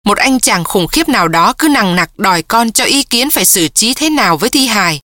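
A woman's voice: medium pitch, lively intonation, fairly quick, pushed and bright, no room sound, clean studio sound. A woman reading a desperate young daughter. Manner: pleading and tearful.

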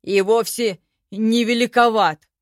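A woman voicing an eager, boastful young male goblin who talks loudly and excitedly. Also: mid-range voice, takes it slowly, no echo, clean studio sound.

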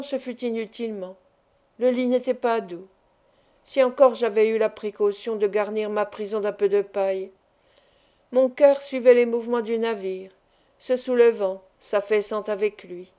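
A woman reading a classic novel aloud as first-person narration, in a steady storytelling manner. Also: a little high. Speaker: audiobook reader.

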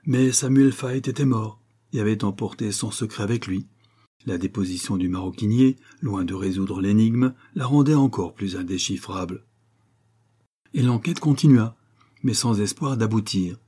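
A man reading a novel aloud as narrator, in a measured, steady storytelling manner. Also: fairly low pitch, slightly rough.

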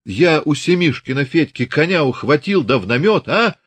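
A man voicing a hot-tempered old lame Cossack father who yells, curses and shrieks, in a dry recording. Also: animated, normal speed, husky, dry recording. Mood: furious shouting. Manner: shrill, cursing, yelling.

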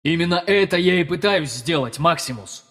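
A man voicing an ancient, supreme male spirit, growling and forceful. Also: on the high side, expressive, normal speed, breathy edge, long reverb tail, faint music behind, pitched above the performer's own voice, heavily acted. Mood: urgent.

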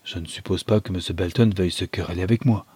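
A stiff, haughty army captain, as a male reader puts him on, cool and condescending. Low and dark, with a husky grain, in a dry close recording. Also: quick pace, dry recording. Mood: cold, superior. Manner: cold and condescending.

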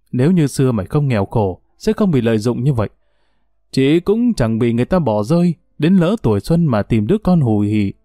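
A man giving voice to a rueful older woman neighbor, sighing as she hands out kindly advice. The tone is mellow and dry, and there is faint music in the background. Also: mid-range voice, no echo, close to an everyday voice. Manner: rueful, advising.

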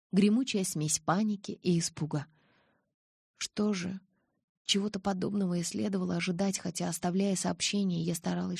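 A woman reading a first-person novel aloud as an audiobook narrator, with expressive storytelling. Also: fairly low pitch, creaky, breathy edge, no room sound, clean studio sound.

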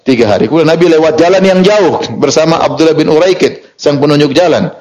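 Animated male preacher telling a story. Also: rough recording. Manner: storytelling lecture, reads Arabic text then explains it; lively, rises in pitch for emphasis and chuckles. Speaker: Islamic preacher. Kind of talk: sermon.

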